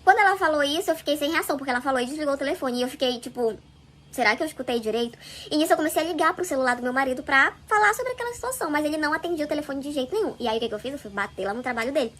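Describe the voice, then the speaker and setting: Rapid-fire high-voiced woman storyteller. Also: animated, fairly bright tone. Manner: chatty, confiding, addresses viewers. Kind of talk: fast first-person storytime narration.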